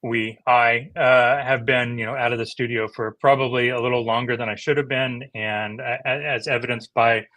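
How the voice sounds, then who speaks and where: Middle-aged male host, excitable and halting, mid pitch, dry recording. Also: no echo. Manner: enthusiastic, halting with many restarts. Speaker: host of a DJ livestream. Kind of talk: casual livestream chat.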